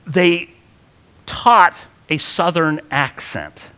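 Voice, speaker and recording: A man preaching a sermon in a conversational, lively teaching manner, often restarting his phrases. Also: a little high, very slow. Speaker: pastor.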